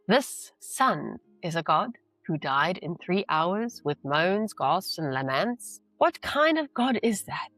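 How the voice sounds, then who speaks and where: A female teacher with a lowish voice reads a novel aloud, using deliberate, emphatic phrasing and pausing for short explanations. The audio is poor, though there's no echo.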